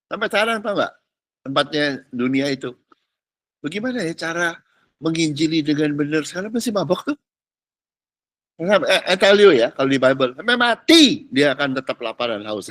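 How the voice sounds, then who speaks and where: Animated, high-voiced pastor. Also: male voice, dry recording. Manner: animated, colloquial, peppered with English words and "ngerti nggak?". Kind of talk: informal teaching sermon.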